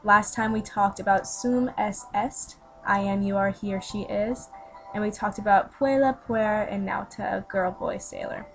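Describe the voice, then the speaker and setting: A woman's voice: medium pitch, fairly even intonation, unhurried, rough recording. Teen girl explaining stuff step by step, chatty, music playing under her voice. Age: teens. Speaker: student teaching a lesson. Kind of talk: casual voice-over lesson. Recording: voice-over with music behind.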